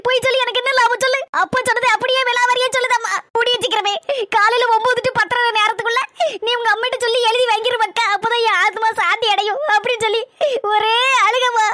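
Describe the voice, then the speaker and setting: A woman's voice: very high-pitched, level tone, quick pace. A woman voicing a scheming young married daughter in a Tamil cartoon, with a Kanyakumari accent and a wheedling, fake-tearful way of talking.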